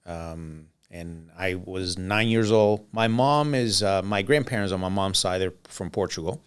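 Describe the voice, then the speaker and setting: A middle-aged man from Cuba, Spanish his first language, speaks in a low, smooth and resonant voice. He tells his story as a podcast guest, easygoing and meandering, filling pauses with "uh" and "um". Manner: relaxed, rambling, frequent "uh" and "um". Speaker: podcast guest, business owner. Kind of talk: casual interview storytelling.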